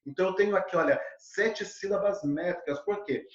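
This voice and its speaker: A male literature teacher gives a lively exam-prep lesson, full of fillers and speaking straight to his students. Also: high-pitched, fairly quick. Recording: echoey, dull lo-fi room sound.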